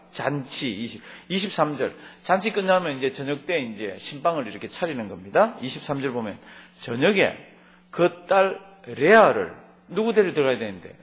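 A man preaching a sermon, reading Bible verses aloud and asking the congregation questions, swinging between loud and soft. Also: mid-range voice. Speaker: pastor.

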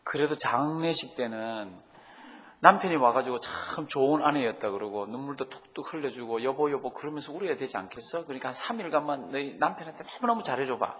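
Male pastor doing a gentle, slow fatherly God in a sermon story, church reverb. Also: mid-range voice, lively intonation, lightly acted. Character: gentle fatherly God speaking to a weary woman.

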